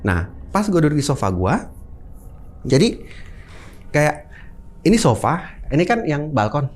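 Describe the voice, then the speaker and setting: Middle-aged male guest, casual storyteller, very animated intonation, voices his own sound effects. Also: fairly high pitch, a little slow. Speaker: guest telling a personal ghost story.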